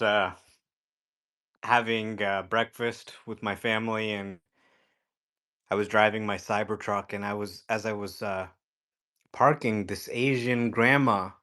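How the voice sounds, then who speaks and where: A man speaking as a guest in a live chat, telling stories in an animated way and imitating other people's voices. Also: lowish voice. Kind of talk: casual conversation.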